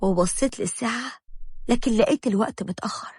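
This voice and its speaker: A woman's voice: a little high, quick pace, darkish tone, husky, no echo, studio quality. A woman with an Egyptian accent telling a dramatic first-person story. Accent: Egyptian Arabic.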